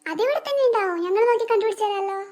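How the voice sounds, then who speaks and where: A woman's voice: extremely high pitch, racing, a little mellow. A woman voicing a curious younger girl, a little sister, in a cartoon, eager and inquisitive. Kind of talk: cartoon voice acting.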